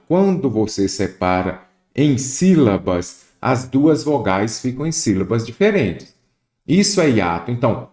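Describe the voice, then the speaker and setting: A man's voice: mid-range voice, darkish tone. A man teaching an exam-prep lesson, explaining rules step by step and speaking directly to the student. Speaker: Portuguese teacher. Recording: roomy echo.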